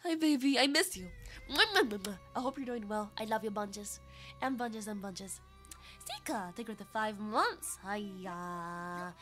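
Soft music plays behind a woman streaming to her viewers, her mid-range voice a little slow and fairly bright. She's congested and nasal from illness, yet chats casually, playfully, and affectionately, giggling along.

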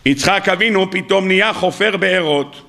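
A rabbi giving a weekly Torah lecture to a live audience, chanting verses slowly and tossing in joking asides. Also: male voice, high-pitched, gravelly, sharp tone.

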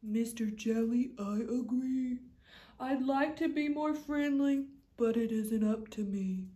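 In a storybook reading, a woman voices a glum male pout fish, gloomy and sulky, using a droning, mopey voice. Her own voice sits on the high side, warm in tone, and she takes it slowly. The mood is glum.

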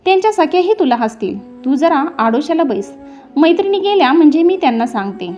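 A woman's voice: high voice, very animated, brisk, mellow, muffled recording, soft background music. A woman voicing a timid young palace maid who speaks anxiously in a storybook telling. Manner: questioning, pleading.

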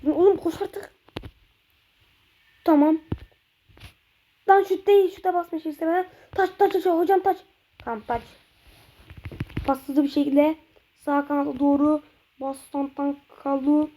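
A woman streaming a football video game, reacting excitedly, shouting at her players and drawing out goal calls. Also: high voice, measured pace, long pauses, a little hiss or hum. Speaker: gameplay streamer. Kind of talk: live football game commentary.

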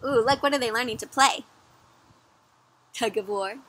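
A young adult woman, her voice a little high, shares a picture book with children outdoors in a garden or yard. She breaks off to ask them questions in a lively, teacherly manner, speaking to them as friends.

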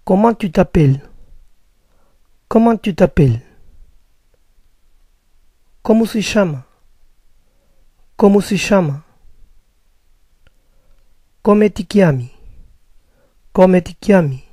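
A man leads a slow vocabulary drill, saying each phrase twice, and his somewhat high voice stays mellow. He speaks at a very unhurried, measured pace, recorded dry with no room echo. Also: animated, slightly rough. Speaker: language teacher.

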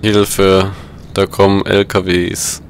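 Male co-player, low register, brief casual game remarks, faint vehicle ambience. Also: level tone, slow pace. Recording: faint engine noise behind voice.

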